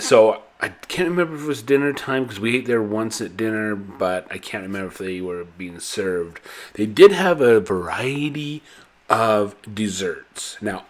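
A man's voice: lowish voice, rough recording. Easygoing man touring a buffet. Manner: easygoing, rambling tour talk. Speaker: travel vlogger. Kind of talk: casual walkthrough narration. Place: ship buffet restaurant, indoors. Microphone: handheld camera.

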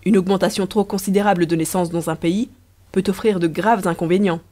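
A woman voicing a soft-hearted, doubtful young emperor who speaks in a mild, questioning way. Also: on the low side, steady tone, fairly quick, natural voice.

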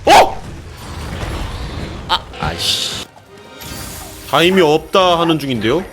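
A high-voiced man gives casual gameplay commentary, his pitch leaping all over as he grows excitable and yells in frustration. Loud game music plays behind him the whole time. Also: slow. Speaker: game streamer.

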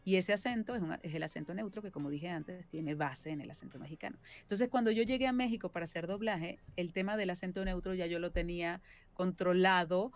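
A woman from Venezuela, a voice actress, explaining her work at length in a relaxed interview, often ending thoughts with a questioning tag. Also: fairly low pitch, fast. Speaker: voice actress and singer-songwriter, guest. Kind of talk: casual interview chat.

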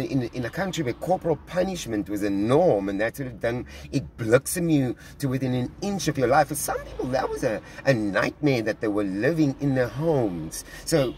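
An earnest South African man, a vlogger, talks about church news from inside a parked car in casual commentary recorded on a phone held at arm's length. His mid-range voice stops and restarts frequently, repeating words. A little hiss or hum sits under it.

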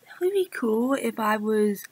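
A woman chatting casually to her viewers, giggling often and drifting into soft whispers. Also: on the high side, lively intonation, unhurried, husky, low-quality recording. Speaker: vlogger. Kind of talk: casual rambling chat to camera.

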